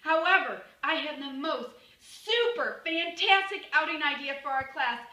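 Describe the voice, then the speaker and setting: High, bright, excited woman teacher. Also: moderate pace. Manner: enthusiastic, excited. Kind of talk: reading an example letter aloud. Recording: echoey room.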